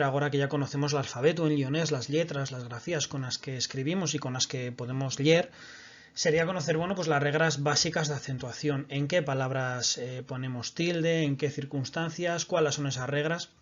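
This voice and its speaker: A man teaches a recorded online language class, patient and methodical. His voice sits slightly high. The recording is dull and lo-fi. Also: fairly quick. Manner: patient explaining, frequent checks with "de acuerdo".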